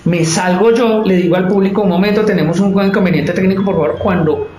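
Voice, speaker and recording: A theater director retells events in a storytelling interview, animatedly acting out other people's voices. His voice sits high and quick, in an echoey room with music in the background.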